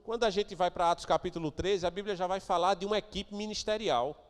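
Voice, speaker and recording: Pastor guy preaching, high voice, goes from low asides to loud points, church hall echo. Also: fast, smooth. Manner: swings from quiet asides to loud emphatic declarations. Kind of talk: sermon. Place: church sanctuary.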